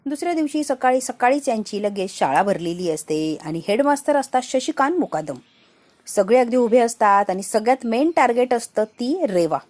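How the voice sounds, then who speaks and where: Brief: lively woman with a fairly high voice, casual serial recap narration. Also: normal speed. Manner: animated, repeats phrases.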